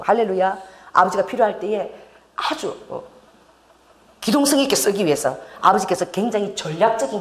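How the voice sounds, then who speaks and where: Woman pastor, Gyeongsang Korean accent, animated sermon, calls on the congregation. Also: mid-range voice. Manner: animated preaching with quoted dialogue and congregation prompts.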